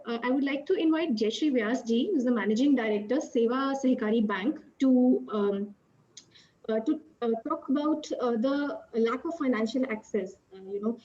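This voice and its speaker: A woman's voice: a little high, darkish tone, lo-fi sound, a little hiss or hum. A woman with an Indian English accent moderating a virtual panel discussion, hesitant, with many filler sounds. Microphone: video call.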